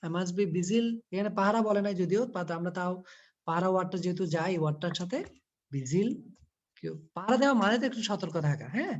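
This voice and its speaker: A woman's voice: fairly low pitch, lively intonation, quick pace. A woman teaching an English poem to a class, explaining it word by word and asking the students questions as she goes. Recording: dull lo-fi recording.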